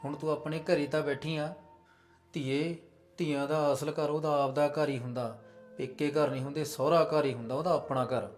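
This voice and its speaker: A man playing a gentle older father who quietly advises his daughter. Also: fairly high pitch, moderate pace, soft background music, lightly acted. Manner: calm, soft and advising. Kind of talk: short film acting.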